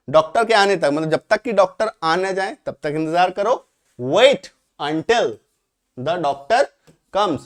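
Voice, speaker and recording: A man teaching English vocabulary in a Hindi-medium lesson, explaining patiently, repeating examples and often checking that students follow. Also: high-pitched. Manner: explanatory, repeats phrases, checks with "clear hai?"; spells out English examples slowly.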